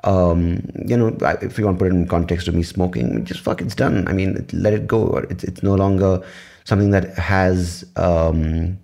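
A man's voice: low-pitched, steady tone, moderate pace, creaky, dark tone. A man rambling through a casual solo podcast, swearing often and poking fun at himself. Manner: rambling, profane, self-mocking, many restarts. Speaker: podcast host.

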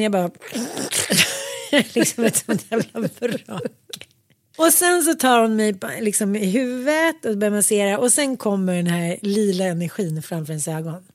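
A chatty woman from Sweden recounts a story, bouncing into quoted voices and laughing along the way. Her voice sits fairly high, and it is recorded dry and close, with no room sound. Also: no echo. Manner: animated, acts out quoted dialogue with laughs. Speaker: podcast co-host. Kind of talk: casual storytelling chat.

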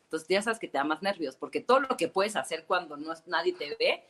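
Low-voiced Mexican woman telling stories. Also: brisk, noisy background. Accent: Mexican Spanish. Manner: animated storyteller, many fillers like "este" and "o sea". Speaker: interview guest. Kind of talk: casual interview chat. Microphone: phone on a call.

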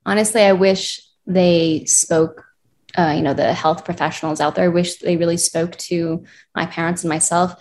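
A woman's voice: lowish voice, fairly even intonation, moderate pace, a little mellow. A woman from the United States, a clinician, giving earnest advice as a guest in a conversational interview. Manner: earnest, advising, builds points in lists.

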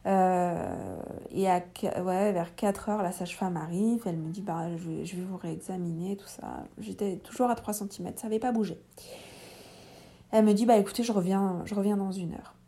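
A woman's voice: mid-range voice, moderate pace, breathy edge. A woman in her thirties, a podcast guest candidly telling her own story and acting out the dialogue. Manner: lively retelling, acting out dialogue with laughs.

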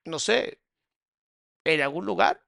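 Sarcastic gravelly Mexican man. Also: a little high, expressive, takes it slowly, a bit bright, no echo, clean studio sound. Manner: mocking, sarcastic, crude. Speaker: psychologist reacting to a video. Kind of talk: sarcastic reaction commentary.

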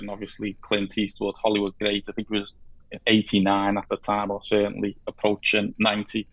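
A man with a Liverpool accent tells relaxed anecdotes as a correspondent. His voice is low and fairly monotone. The sound is close and dry. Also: no echo, rough recording. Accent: Liverpool (Scouse). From Liverpool, England. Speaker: newspaper correspondent. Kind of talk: remote guest interview.

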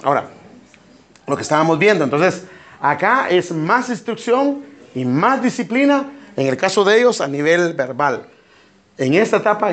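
A middle-aged male pastor preaching a sermon, emphatic and repeating his phrases as he keeps calling his listeners brother. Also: on the high side.

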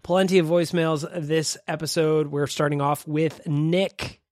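A man's voice: a little high, steady tone, unhurried, a little mellow, no echo. A Canadian man hosting a casual podcast alone in a home studio, wry and self-deprecating as he reacts to voicemails. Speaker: podcast host. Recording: dry close mic with faint music.

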